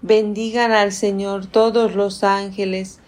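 A woman serving as lector at Mass, reading scripture and psalms aloud in a measured, formal, restrained way. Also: medium pitch, little pitch movement, a little mellow.

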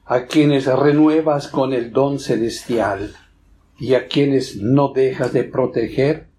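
A man leading Mass as a priest, reciting liturgical prayers in a solemn, measured manner. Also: medium pitch, warm tone, a little hiss or hum. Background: congregation voices.

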